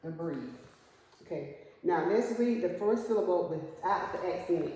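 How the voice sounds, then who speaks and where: Woman tutor, patient and questioning, mellow tone, echoey reverberant room. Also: fairly low pitch, animated, moderate pace. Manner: patient, asks questions and repeats the student's answers. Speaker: reading teacher. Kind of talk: one-on-one phonics lesson.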